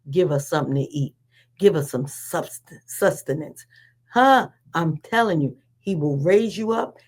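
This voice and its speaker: A woman's voice: low voice, a little mellow. A woman preaching a sermon to women, with an emphatic, repetitive preaching cadence.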